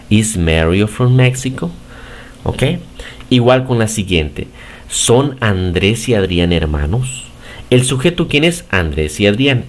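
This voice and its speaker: A man giving a recorded English grammar lesson in Spanish, explaining step by step and checking in with "ok?". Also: on the low side. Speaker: English teacher.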